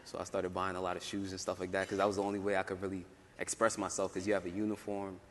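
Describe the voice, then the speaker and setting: A young man panelist telling his story in a casual way, full of "like" fillers and quick laughs. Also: sits low, completely flat delivery, a bit bright, slight background noise. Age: young adult. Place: conference hall. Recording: roomy hall, faint ambience.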